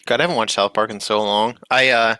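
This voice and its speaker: A man's voice: fairly low pitch, steady tone, fast talker, pushed and bright, smooth, no room sound. A man co-hosting a gaming podcast in casual chat, laughing easily and swearing casually. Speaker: podcast co-host.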